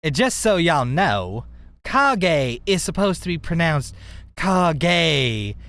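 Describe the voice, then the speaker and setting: Man, streamer, casual story reading, higher voice, slow pace, self-deprecating asides. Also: big pitch swings, fairly bright tone, no room sound. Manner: giggly, self-deprecating asides between narration.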